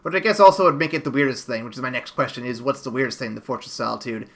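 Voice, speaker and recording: A man's voice: medium pitch, racing. A man hosting a podcast, reviewing a movie in casual chat and rambling through restarts and fillers. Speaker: podcast host.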